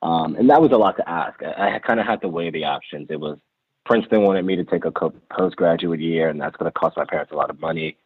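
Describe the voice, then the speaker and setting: A young man with a very low, husky voice tells his story in an interview. He is reflective and keeps restarting his sentences. He comes through a thin, phone-like line with a dry, close sound. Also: quick pace, dry recording. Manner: reflective, many fillers and restarts. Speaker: interview guest, former college lacrosse player.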